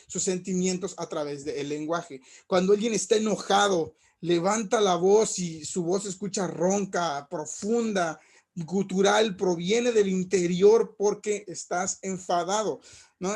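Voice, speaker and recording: A man's voice: sits high, a little mellow. A man lecturing as a teacher, explaining with everyday examples and checking in with rhetorical questions. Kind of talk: recorded class lecture.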